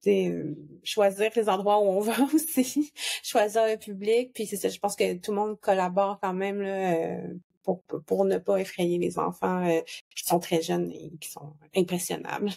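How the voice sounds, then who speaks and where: A woman's voice: mid-range voice, steady tone, moderate pace, vocal fry, dark tone, breathy edge. A woman with a Québécois French accent, a guest author talking in a casual panel chat, hesitant with many fillers and restarts. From Quebec.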